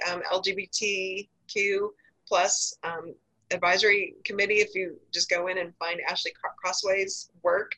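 An American woman giving informal information as a podcast guest, in a halting, hesitant way. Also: mid-range voice, pushed and bright, rough recording. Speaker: podcast guest, safe zone trainer.

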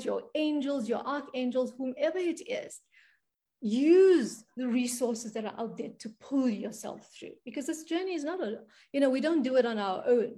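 A South African money and spiritual coach, her voice high and a little mellow, speaks earnestly during a conversational interview. She often checks in with her listener by saying "right?".

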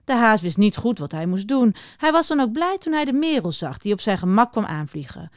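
A woman giving a children's morning talk and reading a story aloud in an expressive, chatty way. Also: medium pitch, fairly quick, no echo, studio quality.

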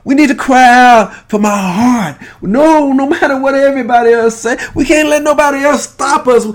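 A man preaching a sermon, impassioned and repetitive, building to shouted pleas with frequent restarts. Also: very high-pitched, normal speed.

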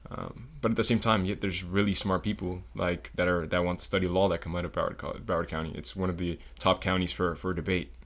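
A young man from South Florida, studying engineering, appears as a guest on a laid-back podcast. His voice is very deep and low, a little bright, with little pitch movement. He speaks thoughtfully and hesitantly, using ums to fill the gaps while he figures out his words.

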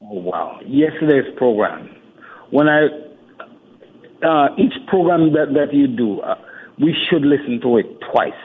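A man calling in to a radio show, talking haltingly and stumbling over his words, his voice coming through an echoey, reverb-heavy line. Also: mid-range voice, lively intonation, slightly rough. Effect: echoey phone line with heavy reverb, like an echo chamber. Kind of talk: phone-in call.

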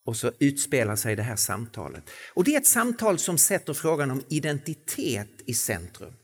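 Male preacher, mid-pitched, sermon delivery with dramatic dynamics, long church-hall reverb. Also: huge pitch swings, breathy edge. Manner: dramatic swings from soft to emphatic, slow stressed phrases.

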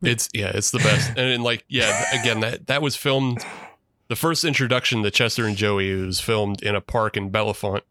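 Recorded with clean studio sound and no room noise, a man from Pennsylvania with a lowish voice talks at a moderate pace. He's a podcast co-host and former student filmmaker, rambling in a relaxed way about his old student film, full of fillers and laughter.

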